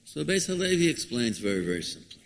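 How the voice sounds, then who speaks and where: A man's voice: mid-range voice, very animated, fast, gravelly, a little hiss or hum. Man preaching in an echoey hall. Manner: dramatic, emphatic, with rhetorical questions and repetitions. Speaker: rabbi giving a Torah lecture. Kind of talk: sermon, expounding scripture. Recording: echoey hall with long reverb.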